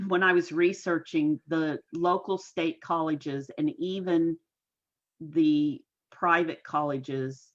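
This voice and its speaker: Low-voiced folksy woman in her sixties. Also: fairly even intonation, slow pace, dull audio. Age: 60s. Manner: folksy, homespun phrasing. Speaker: guest. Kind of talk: casual interview talk. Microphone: video call.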